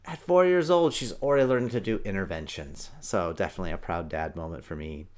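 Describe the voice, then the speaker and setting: A man in his thirties hosting a parenting show, giving emphatic, animated advice that swings between loud and hushed. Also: deep voice, quick pace. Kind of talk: energetic parenting advice talk.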